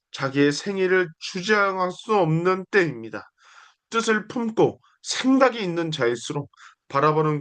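A young man delivers a sermon in an earnest, declamatory way. His fairly high voice rises and falls with lively movement as he stacks one repeated phrase on the next. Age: young adult. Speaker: preacher. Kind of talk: sermon with scripture reading.

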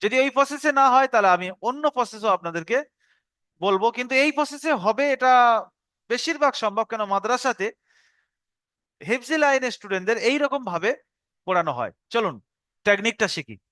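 A man gives a step-by-step online lesson, repeating each instruction so it sinks in. His voice is high and bright, smooth and clear, recorded dry and close. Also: lively intonation, no echo. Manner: explanatory, repeats instructions, slows to recite verses. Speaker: Quran teacher.

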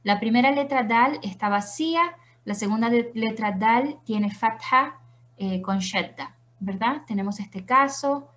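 A woman teaching a recitation lesson, patient and methodical, often checking in with her listeners and repeating examples slowly. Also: mid-range voice, a bit bright. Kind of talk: explanatory tutorial lesson.

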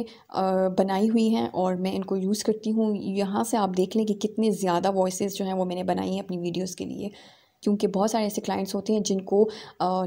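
A woman hosting a screen-recorded software tutorial, explaining each step with small fillers. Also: mid-range voice. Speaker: tutorial host.

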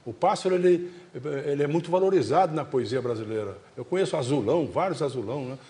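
Warm and fairly high-pitched, a television host in his seventies talks fast with lively intonation and a Brazilian Portuguese accent. His casual, folksy talk rambles and repeats itself, full of diminutives, delivered on a TV studio stage before an audience through a lapel mic.

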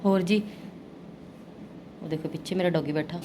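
Chatty Punjabi woman vlogging over clear noise. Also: fairly low pitch, steady tone, normal speed. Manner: chatty, asks viewers questions. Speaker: vlogger mother. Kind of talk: casual daily-routine vlog chat to viewers. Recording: clearly noisy everyday vlog recording.

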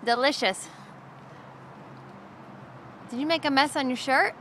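A woman filming a toddler at home and coaxing the child in gentle baby talk. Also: high voice, fast, slight background noise.

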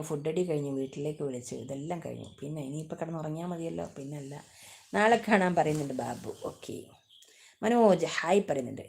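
A woman hosts a casual live stream, talking in a slightly low voice. She chats affectionately with her viewers, calls out their names and teases them as she goes. She keeps coaxing them to tap for likes. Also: creaky, a little mellow. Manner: chatty, greets viewers by name and begs for likes; affectionate, teasing.

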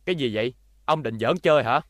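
A man's voice: mid-range voice, lively intonation, fast talker, no echo, studio quality, lightly acted. A man voicing Atlas, a cool curt robot. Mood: dismissive. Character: young male super-robot, proud and blunt. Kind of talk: Vietnamese TV cartoon dubbing. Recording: dub with loud score underneath.

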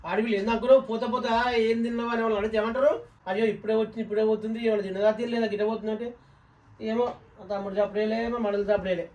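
Telangana man, village sketch, rapid insistent nagging, mic set back. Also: sits high, level tone, a little mellow, distant mic. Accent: Telangana Telugu. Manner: scolding, insistent, rapid talk. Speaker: younger brother and husband in a family sketch. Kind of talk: scripted village comedy sketch.

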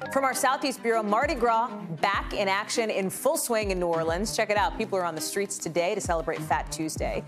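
A woman anchors a live news broadcast with brisk, friendly delivery. She moves between stories in a chatty way, with a mid-range voice. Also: medium pitch.

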